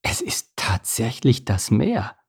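A calm, thoughtful male eel mutters in a low, gravelly voice, as a man reads him aloud. He speaks slowly and a little wearily. It is a storybook part with a husky grain. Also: full character voice. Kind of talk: storybook reading.

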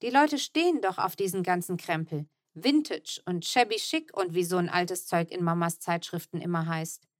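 A woman's voice: lowish voice, normal speed, few pauses, dry recording, clean studio sound, lightly acted. A woman voicing a cheeky, breezy boy. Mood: explaining. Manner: breezy, talks his ideas up.

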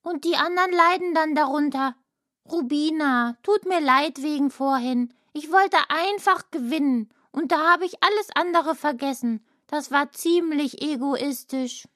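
A woman voicing a cheeky little boy woodworm in a children's audio drama, talking quick and childlike. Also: sits high, pushed and bright, dry recording, studio quality. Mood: sorry.

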